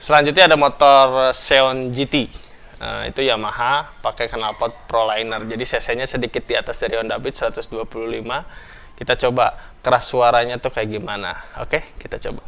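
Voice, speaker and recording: A young man, explaining things in a relaxed, chatty vlog and thinking aloud as he goes. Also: mid-range voice, normal speed, background noise. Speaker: motorcycle vlogger.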